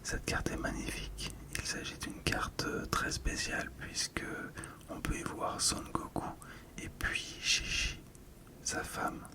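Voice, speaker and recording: Close to the microphone, a middle-aged ASMR host slowly talks through a collectible in a whisper. The tone is calm and gentle, with some hesitancy.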